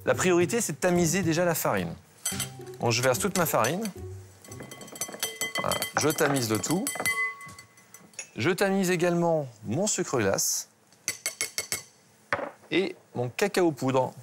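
A man, a pastry chef, teaching a cooking class and walking viewers through each step in a brisk, instructive way. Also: on the high side, animated, over music. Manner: instructive, brisk, addresses viewers with "regardez" and "hein". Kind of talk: cooking demonstration.

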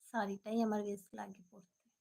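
A woman hosting a casual live stream at home at night, hoarse from a cold, chatting with viewers and answering their comments. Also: medium pitch, monotone, moderate pace, a little mellow, rough recording.

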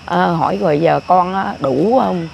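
Older woman, gravelly, rambling repetitive storytelling, faint background noise. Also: fairly low pitch, normal speed, darkish tone, muffled recording. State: often ill. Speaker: grandmother interviewed. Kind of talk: casual storytelling.

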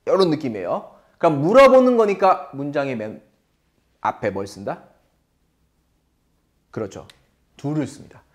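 A man in his thirties teaching an online English lesson. His voice sits a little high and swings widely up and down. He talks playfully and keeps asking his viewers questions. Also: big pitch swings, measured pace, long pauses.

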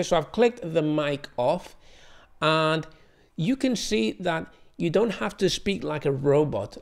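A man from the United Kingdom explaining software casually as a tutorial presenter. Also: fairly high pitch, creaky.

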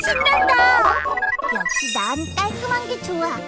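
Chirpy cheerful robot car. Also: female voice, very high-pitched, wildly swooping pitch, unhurried, full character voice. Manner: bouncy, cheery exclamations. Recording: game sound with loud background music.

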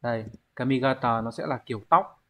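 Guy teaching an online exam prep class, middle pitch, patient, keeps asking the students questions. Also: fairly quick. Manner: explanatory, poses rhetorical questions to students. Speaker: Japanese language teacher.

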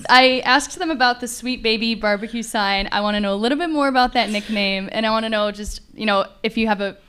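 A woman's voice: on the high side, fast, a bit bright, a little hiss or hum. A woman reporter asking questions at a press conference in a conversational way.

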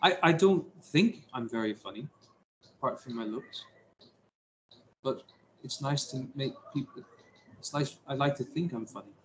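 A man's voice: medium pitch, moderate pace, long pauses, a little hiss or hum, poor audio. A man teaching a science lesson to his class, talking through a simulation with jokey, self-deprecating asides.

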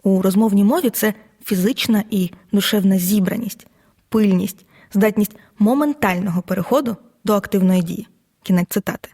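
A woman teacher giving a scripted audio lesson, explaining in a measured way and reading examples out one by one. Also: mid-range voice, mellow, no room sound, clean studio sound. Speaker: Ukrainian language teacher.

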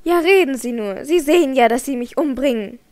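A woman's voice: high voice, moderate pace, close to an everyday voice. A woman voicing a troubled young female opera singer in an audiobook, tense and evasive. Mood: tense defensive. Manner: tense, trembling, icy at times. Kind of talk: audiobook character reading.

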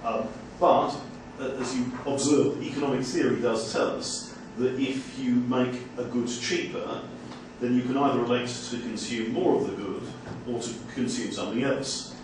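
A man, a university lecturer, making a measured, hesitant comment from the audience at a seminar in a small room. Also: medium pitch, steady tone. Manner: measured, hesitant with many ums. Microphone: far room camera mic. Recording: echoey room from far off, background hiss.

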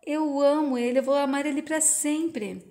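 A woman's voice: high voice, steady tone, moderate pace, dark tone. A woman reading the lines of an earnest young woman torn between love and life. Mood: yearning. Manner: earnest, yearning.

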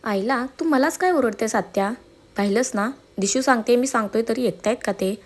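A woman's voice: fairly high pitch, normal speed, close to an everyday voice. A woman voicing a sarcastic, hyper young groom who teases and complains.

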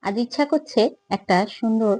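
A woman's voice: on the high side, moderate pace, warm tone, no room sound. A woman chatting casually and in a friendly way to viewers as host of an eating vlog at home. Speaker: food vlogger and host.

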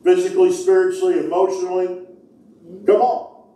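A middle-aged man preaching as pastor, calling out to his congregation and shouting with fervor. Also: sits high, fairly even intonation, moderate pace, distant mic. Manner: fervent preaching, calls out to the congregation, shouts "woo". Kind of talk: sermon. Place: church sanctuary, indoors. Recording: echoey church hall from afar. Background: congregation responding.

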